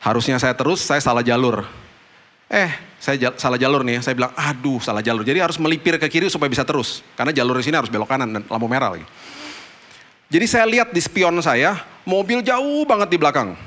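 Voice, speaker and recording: A middle-aged man, a pastor preaching a storytelling sermon and acting out the dialogue with big swings in pitch. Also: animated, fast talker, a bit bright.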